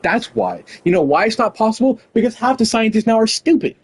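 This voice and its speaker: A man's voice: sits high, expressive, brisk, husky. A young man streaming live, arguing with a chatbot in a casual, incredulous way, swearing a lot.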